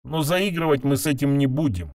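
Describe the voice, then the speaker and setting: A man reading an audiobook voices a woman curator whose disguised voice comes through a speaker, harsh and metallic, calm and clinical. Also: mid-range voice, brisk, no echo, clean studio sound. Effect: harsh metallic loudspeaker voice. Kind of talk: audiobook narration with voiced characters.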